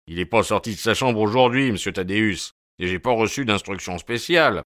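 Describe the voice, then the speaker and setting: A man voicing a gruff, suspicious male porter who is a former boxer, talking bluntly in plain colloquial speech. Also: fairly low pitch, fairly quick, fairly bright tone, dry recording, studio quality, lightly acted. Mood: stubborn. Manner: blunt, colloquial, dropping negations.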